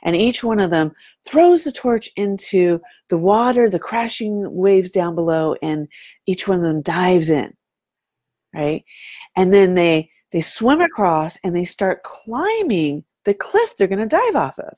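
A woman telling a story in a casual talk, animated and often checking in with "right?". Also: on the low side, a little slow, dry recording, studio quality. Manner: animated, fond of saying "right?" to draw the listener in.

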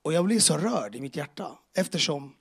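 A man's voice: fairly high pitch, lively intonation, creaky, slightly rough. A man telling his faith testimony to a church audience, casual and earnest, with street slang and acted-out dialogue. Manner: emotional, earnest. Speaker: speaker giving a personal faith testimony.

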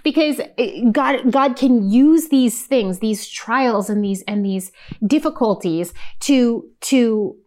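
A woman's voice: on the high side, slow pace, a little mellow. A woman co-hosting a Bible program, reading verses aloud and explaining them in an earnest teaching way. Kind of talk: scripture reading and discussion.

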